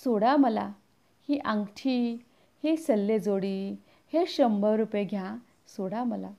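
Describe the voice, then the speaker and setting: A woman's voice: medium pitch, slow, gravelly, mellow. A woman reading the lines of a self-assured grown village landowner in a storybook. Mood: pleading.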